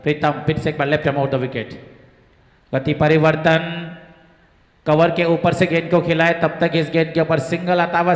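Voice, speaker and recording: Echoey, high-pitched male cricket commentator, excitable. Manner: excited commentary, rising on boundaries. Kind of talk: live local cricket match commentary. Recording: echoey PA-like sound with long reverb.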